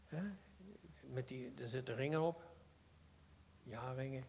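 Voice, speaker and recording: A man with a Limburg Dutch accent preaching a sermon, earnest and personal, swinging between loud emphasis and quiet asides. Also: mid-range voice, unhurried, creaky, slight background noise.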